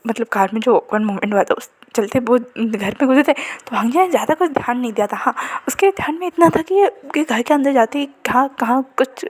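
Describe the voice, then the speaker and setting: A woman retelling a fan fiction story in a chatty, casual way, often dropping to a hushed, whispery voice. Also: fairly high pitch.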